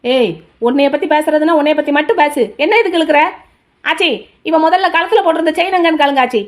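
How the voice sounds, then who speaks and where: A woman's voice: high-pitched, quick pace, natural voice. A woman voicing a defensive, quarrelsome young adult brother in a cartoon. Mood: argumentative. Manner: argumentative, defensive.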